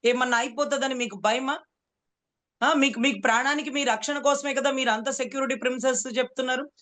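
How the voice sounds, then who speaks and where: A woman's voice: sits high, fairly even intonation, a little fast, a bit bright. A woman advocate giving heated political commentary, speaking rhetorically and repeatedly addressing her interviewer as "sir". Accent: Telugu.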